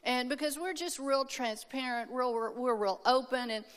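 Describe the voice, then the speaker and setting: A woman's voice: high-pitched, normal speed, fairly bright tone. A woman preaching at a women's conference, telling a personal story with emphasis and calling out for amens. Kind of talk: sermon. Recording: hall reverb.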